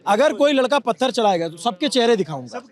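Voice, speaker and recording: A man's voice: very high-pitched, sing-song, brisk. A man, a journalist, speaking earnestly during a street interview at an outdoor protest.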